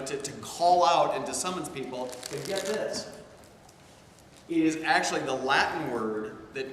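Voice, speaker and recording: A man teaching a theology class in a casual, chatty way, wandering into stories. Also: on the high side. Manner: chatty, digressive, animated storytelling. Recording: echoey room with long reverb, faint ambience.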